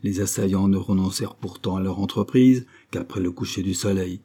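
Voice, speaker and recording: A man narrating a classic fairy tale in a measured storytelling manner. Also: deep voice, dark tone, husky. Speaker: audiobook narrator. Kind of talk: scripted literary narration.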